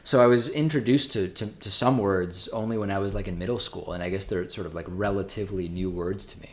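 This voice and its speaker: A man with a deep voice whose first language is Spanish hosts a live stream, reading out viewer donations casually and a little fast. He thinks aloud with frequent ums and restarts.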